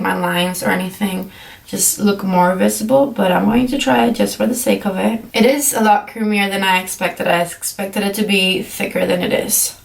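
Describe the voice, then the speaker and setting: A woman's voice: mid-range voice, gravelly, far from the mic. Groggy young woman in an echoey room. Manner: chatty, apologetic, filler-heavy. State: groggy, just woke up. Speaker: beauty vlogger. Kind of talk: casual makeup tutorial. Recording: echoey room, mic set back.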